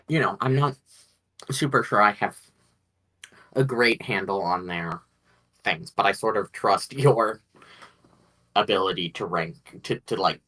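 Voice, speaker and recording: A man with a very low, deep voice co-hosts a casual podcast. He rambles, hedges and thinks out loud as he talks. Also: low-quality recording. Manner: rambling, hedging, thinks aloud. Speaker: podcast co-host. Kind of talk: casual chat.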